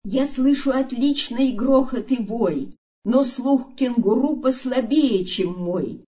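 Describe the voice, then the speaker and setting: A woman's voice: fairly high pitch, slow, mellow, lo-fi sound, voice pushed up. A woman voicing a big, kind, earnest male elephant in a storybook reading, pleading and insistent. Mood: urgent pleading.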